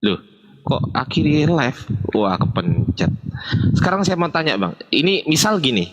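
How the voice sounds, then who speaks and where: A man's voice: a little high, very animated, normal speed, long reverb tail, dull audio. A man hosting a casual debate, explaining Arabic grammar in a self-deprecating way, with lots of fillers. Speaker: Islamic preacher and debate host.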